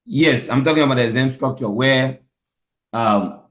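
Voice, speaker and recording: A man's voice: mid-range voice, normal speed, a bit bright. Male student, careful phrasing, roomy echo on the call. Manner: careful, checks he is understood.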